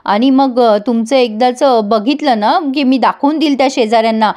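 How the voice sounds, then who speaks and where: A woman's voice: on the high side, normal speed, darkish tone, close to an everyday voice. A woman voicing a worried, doting mother who coaxes her grown daughter tenderly but stubbornly, in a retold TV serial scene. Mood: coaxing.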